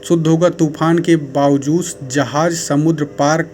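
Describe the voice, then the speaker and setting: Man, mellow and fairly high voice, steady teacher correcting sentences, faint noise behind. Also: a little slow. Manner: methodical, corrects sentences one by one. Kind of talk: grammar lesson.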